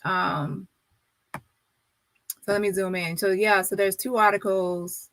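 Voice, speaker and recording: A woman's voice: mid-range voice, level tone, slow pace, a bit bright, dry recording. A woman doing casual commentary, reading news aloud and adding sassy, dramatic, slangy asides as the host. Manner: sassy, dramatic reactions with slang like "child", "hunty", "y'all".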